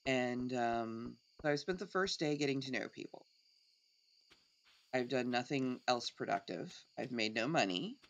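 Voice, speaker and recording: Creaky-voiced woman playing a game. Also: rumbling low, animated, a little slow. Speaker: let's play streamer. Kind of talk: casual game commentary, thinking aloud.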